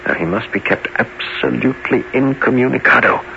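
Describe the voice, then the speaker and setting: An actor playing a scheming, smooth-talking bishop in a radio costume drama, coaxing and conspiratorial. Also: male voice, medium pitch, lively intonation, brisk, bright, forceful tone, faint music behind, full character voice. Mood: coolly conspiratorial. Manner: conspiratorial, coaxing, hesitant "uh" interjections. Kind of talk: audio costume drama acting. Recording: muffled, noisy old radio-style recording.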